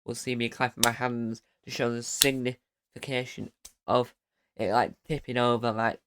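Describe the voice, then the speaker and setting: A man hosting his own podcast, talking in a chatty, rambling way with bursts of excited cheering. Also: mid-range voice, normal speed, a little hiss or hum. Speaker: podcast host. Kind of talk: casual solo podcast recap.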